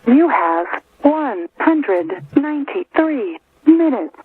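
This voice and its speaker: A woman's voice: sits high, very animated, slow. A woman reading automated calling-card prompts, heard over a landline phone. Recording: tinny phone line with faint hiss.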